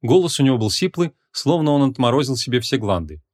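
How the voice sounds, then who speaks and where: A man reading a humorous fantasy audiobook as narrator, in an even, measured voice. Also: mid-range voice. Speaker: audiobook reader. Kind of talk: scripted narration.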